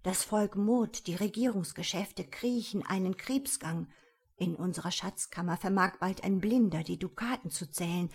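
A woman voicing a fussy old court marshal who speaks in a hushed, courtly way. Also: mid-range voice, moderate pace, natural voice. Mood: hushed, urgent.

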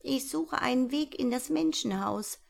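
A small, anxious father mouse from a storybook, as a woman reading aloud puts him on. He speaks a bit higher than the narration, slow and fretful, always near tears. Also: gravelly, full character voice. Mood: worried.

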